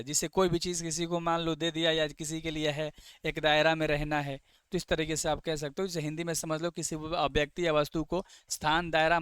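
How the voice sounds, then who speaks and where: Male vocab tutor, slightly high, smooth and clear, coaching-class drill style. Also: fairly bright tone, no echo, studio quality. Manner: keeps asking the class questions and answers them himself; plays the student's reply as "sir, ...". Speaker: teacher. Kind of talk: vocabulary lesson for exam students.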